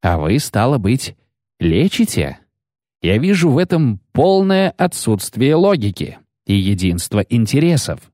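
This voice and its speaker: A man's voice: medium pitch, expressive, a little mellow, no echo, studio quality, natural voice. A man voicing a menacing elf who drags out his words. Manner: ominously drawn-out words. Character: cold, menacing male elf commander.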